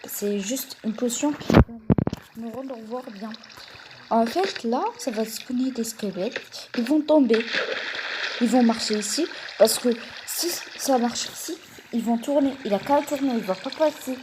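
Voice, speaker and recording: A woman's voice: on the high side, measured pace. A woman giving a casual, hesitant walkthrough of her game build, explaining each step to her viewers. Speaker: gamer showing a build. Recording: noisy home recording with clicks.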